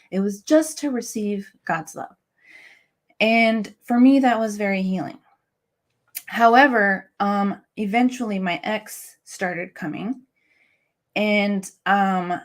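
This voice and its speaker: A young adult woman talks openly as an interview guest. Her delivery is candid and emotional, loose with casual fillers. Her voice sits at an ordinary middle pitch. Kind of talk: candid personal interview talk.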